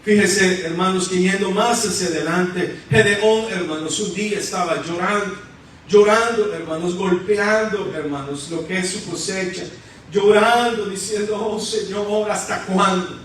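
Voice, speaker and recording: High-voiced man preaching in an echoey church. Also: a little slow, fairly bright tone, a little hiss or hum. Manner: fervent, calls the congregation "hermanos" constantly. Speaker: guest preacher. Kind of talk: sermon. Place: church sanctuary. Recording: echoey church hall from far off.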